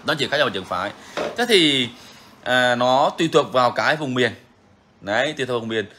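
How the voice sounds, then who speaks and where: A man's voice: mid-range voice, animated, fairly quick, bright, forceful tone. A man hosting a bird-keeping channel, talking casually and frankly to viewers, repeating himself often. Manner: frank, repetitive, chatty.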